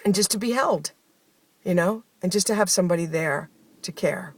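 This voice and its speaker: A woman's voice: on the low side, expressive, moderate pace, slightly rough. Reflective woman telling a personal diary. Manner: reflective, heartfelt, conversational with many fillers. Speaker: host of a spoken daily journey series. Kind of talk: personal spoken diary, storytelling.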